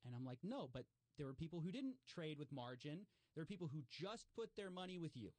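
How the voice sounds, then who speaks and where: A man talking casually as an interview guest. He explains fraud cases with lots of fillers and restarts, and he jumps higher when he acts out what other people said. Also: fairly quick, no room sound. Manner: animated, acts out quoted remarks with raised pitch. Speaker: guest commentator on fraud stories.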